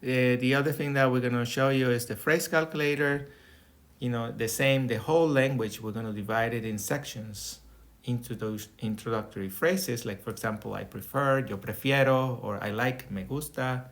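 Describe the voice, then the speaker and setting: Speaking at a normal speed in a medium pitch, this Spanish teacher runs an online lesson with a shared screen, picked up by a webcam or laptop microphone on the video call. He's a middle-aged native Spanish speaker from Colombia with a Colombian accent, and he asks "okay?" after explaining each step.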